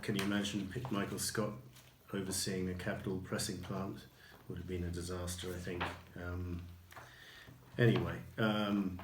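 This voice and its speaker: Low, flat-voiced man in an echoey room. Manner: unhurried, many ums and restarts. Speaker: record collector showing purchases. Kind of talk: casual video review. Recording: echoey room with faint noise.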